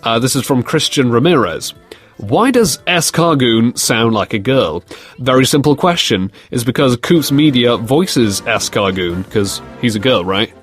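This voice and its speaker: A man's voice: mid-range voice, lively intonation, unhurried, soft background music. A young British man answering fan questions in a casual, jokey chat, rambling with plenty of fillers and restarts. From Britain. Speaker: co-host of a fan series Q&A.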